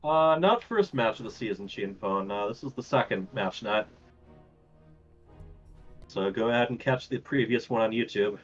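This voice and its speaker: A man casting a live strategy game, easygoing and quick to laugh, at times stretching out names in an announcer voice. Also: lowish voice, lively intonation, breathy edge, muffled recording, faint music behind. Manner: easygoing, laughs often, slips into a drawn-out announcer voice. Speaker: esports caster.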